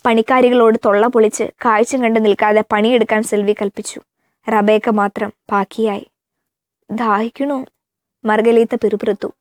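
A woman reads a novel aloud in a steady, even storytelling manner, moving through the quoted dialogue without stopping. Her voice sits a little high. The recording is close and dry, with no room sound. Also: normal speed, no room sound. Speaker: narrator. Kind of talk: audiobook narration of a novel.

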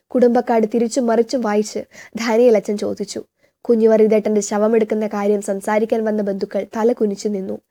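A woman reading a novel aloud in a steady, measured narration. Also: medium pitch.

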